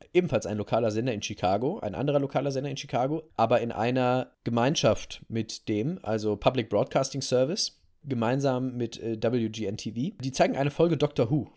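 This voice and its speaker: A man with a medium-pitched, darkish voice hosts a talk show, telling a story as a podcast host. He keeps it casual and conversational, repeating phrases for emphasis.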